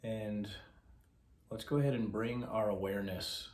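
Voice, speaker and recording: A man who teaches mindfulness, talking slowly and calmly with long pauses as he guides a meditation. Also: lowish voice, roomy sound. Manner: slow, calm, pausing instructions. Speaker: mindfulness instructor.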